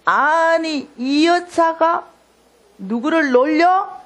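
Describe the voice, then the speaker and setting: A woman acting out a furious male creditor who shouts at her with scorn while telling her story. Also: very high-pitched, fast talker, pitched above the performer's own voice. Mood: indignant.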